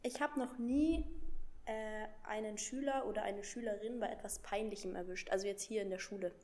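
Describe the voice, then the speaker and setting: A woman's voice: medium pitch, steady tone, moderate pace, a little mellow. Young woman doing a casual school interview, mid voice, kinda hesitant w lots of ums.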